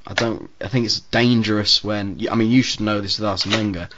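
A man hosts a casual podcast, talking through his views in a loose, opinionated way. His voice sits on the low side. The recording is dull and lo-fi. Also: steady tone, fairly quick, noisy background. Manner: chatty, opinionated, laughs easily. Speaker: podcast host. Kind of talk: casual chat.

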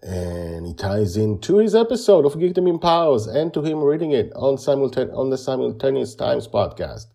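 A man hosting a podcast introduction, his voice raspy, worn out and hoarse from the flu. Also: medium pitch, very animated, moderate pace, hardly any pauses, warm tone. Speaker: podcast host.

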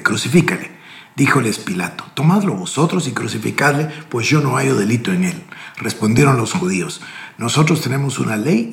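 A man's voice: mid-range voice, creaky. A man preaching, reading scripture aloud with emphatic, rising delivery and then commenting on it. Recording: echoey room.

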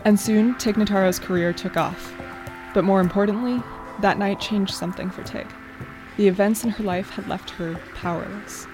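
A woman reading scripted narration for an audio story in a measured storytelling cadence. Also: mid-range voice, steady tone. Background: music bed.

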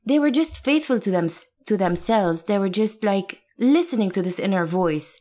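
This Lebanese actress in her thirties has a mellow, mid-range voice that stays animated at a moderate pace. As an interview guest she reflects with earnest emphasis, breaking into laughter now and then.

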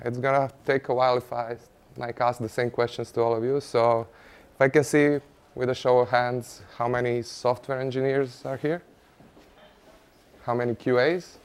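A man presents a technical talk on a conference stage. His voice is smooth and clear, sitting at an ordinary middle pitch. He speaks conversationally, with light humor and frequent "uh" fillers. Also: level tone, moderate pace. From Croatia. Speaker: conference speaker, engineering manager. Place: conference stage before an audience.

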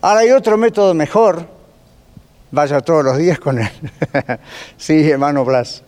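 A man teaching a Bible class as pastor, lively and conversational, putting rhetorical questions to his listeners. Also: a little high, a little slow. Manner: lively, asks the class rhetorical questions, drops in English phrases. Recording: long reverb of a church hall.

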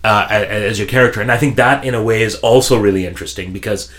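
Low-voiced male podcast host. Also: fairly bright tone. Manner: halting, repeats words while building long questions. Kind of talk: conversational interview.

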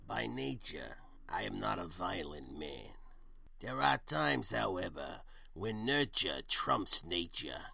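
A man voicing a menacing middle-aged mob boss who talks in a slow, streetwise gangster drawl in a comedic audio story. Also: sits low, big pitch swings, gravelly, pushed and bright, dry recording, full character voice.

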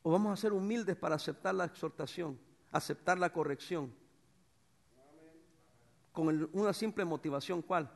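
A middle-aged man preaching a sermon as pastor, swinging between loud bursts and soft, tender passages. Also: fairly high pitch, moderate pace, vocal fry, long pauses. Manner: animated preacher, swings from shouts to soft tones.

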